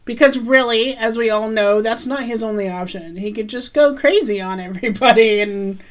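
Chatty woman podcast co-host. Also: on the high side. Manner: chatty, recounts scenes with quick asides and laughs. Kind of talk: casual chat recapping a TV episode.

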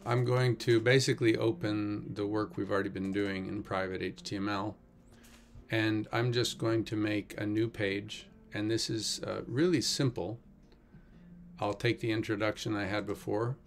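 Gravelly low-voiced man teaching code. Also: fairly even intonation, moderate pace, soft background music. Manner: casual, wry, with many fillers. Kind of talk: screen-recorded coding tutorial.

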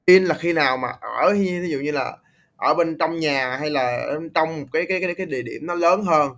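A man from Vietnam with a Vietnamese accent, patiently tutoring English on a video call, repeating words slowly to correct pronunciation. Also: on the high side, gravelly, fairly bright tone. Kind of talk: online English tutoring, casual.

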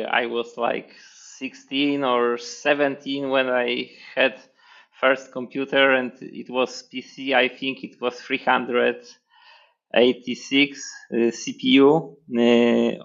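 A man in his forties from Poland with a Polish accent, speaking as an interview guest in a measured, hesitant way with many fillers. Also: mid-range voice, vocal fry, a bit bright, dull audio. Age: 40s. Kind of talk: interview over video call. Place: room with hexagon panel wall. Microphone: headphones with mic on video call.

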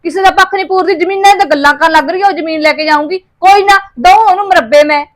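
An actress with a Punjabi accent playing a quarrelsome young wife in a joint family, snapping back sharply and demanding her share. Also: very high-pitched. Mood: angry. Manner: sharp, quarrelsome, rapid retorts. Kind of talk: short film acting.

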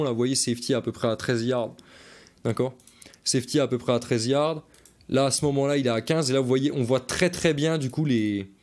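Casual coach breaking down film. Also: male voice, medium pitch, a little mellow. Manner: casual and chatty, explains by repeating his points, reads viewer comments. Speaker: football coach. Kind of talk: live stream breakdown of game film.

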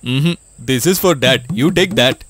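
A man's voice: mid-range voice, unhurried, no echo. A man dubbing a blunt middle-aged family man in an English film dub, offhand in manner. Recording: film soundtrack with loud music. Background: film score.

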